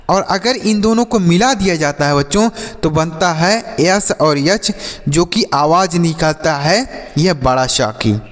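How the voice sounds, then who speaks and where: A man teaching an English phonics lesson to children. He asks questions and answers them himself, and slows down to spell out letters. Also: a little high, in a large hall.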